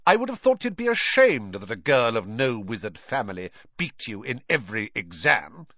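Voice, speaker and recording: Storybook villain: man voicing a disdainful aristocrat, clipped and cold, lively pitch. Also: a little slow, dry recording, highs cut off. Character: cold haughty aristocratic wizard father.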